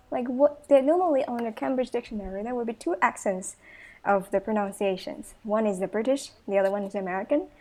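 A woman's voice: medium pitch, dark tone. A woman from Taiwan with a Taiwanese accent, hosting a casual interview chat in English as her second language, speaking hesitantly with many restarts and fillers. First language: Taiwanese Mandarin. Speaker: podcast host.

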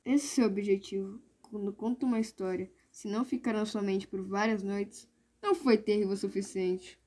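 A woman's voice: mid-range voice, fairly even intonation, moderate pace, a little mellow, natural voice. A woman playing a ghoulish child who fancies being a vampire and relishes nightmares, theatrical and sinister, in a children's horror audio drama.

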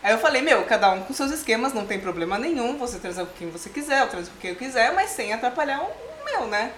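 A Brazilian woman chatting casually, telling stories with lively, laughing bursts. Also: a little high, fast talker, a little hiss or hum. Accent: Brazilian Portuguese. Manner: animated storyteller, bursts into laughter. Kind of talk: casual chat. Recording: roomy echo.

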